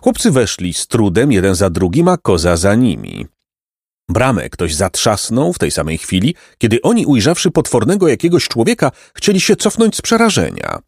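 A man narrating a children's storybook in an expressive, dramatic way. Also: lowish voice, moderate pace, slightly rough, no room sound, clean studio sound. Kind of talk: storybook reading.

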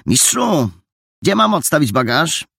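A man voicing a cheeky, talkative teenage boy with a quick, salesman-like patter in an audiobook. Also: fairly high pitch, sing-song, creaky, bright, forceful tone, breathy edge, dry recording, studio quality, voice pushed up, full character voice. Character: cheeky, chatty teenage boy with a knack for business.

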